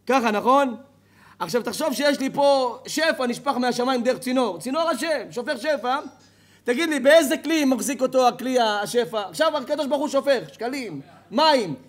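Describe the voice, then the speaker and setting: Animated high-voiced rabbi preaching. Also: male voice. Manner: animated storytelling, asks the audience questions, jokes. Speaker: rabbi giving a Torah lecture. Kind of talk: lively sermon to a live audience. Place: hall with an audience.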